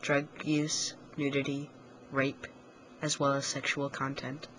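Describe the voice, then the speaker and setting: A woman's voice: a bass voice, monotone, slow pace, fairly bright tone, a little hiss or hum, poor audio. A woman announcer reading a scripted content warning.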